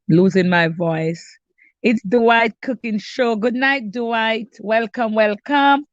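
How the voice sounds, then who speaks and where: Speaking slowly in a voice on the high side, a middle-aged Jamaican woman runs a cooking live stream and casually greets viewers by name. Her voice is stuffy and congested, and she often starts sentences over. No echo is present, but the highs are cut off.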